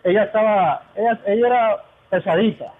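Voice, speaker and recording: A man's voice: sits high, normal speed, crowd noise. A male caller on the phone, hesitant and full of fillers as he tells a story. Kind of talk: phone call to a radio show. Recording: tinny phone line with faint noise.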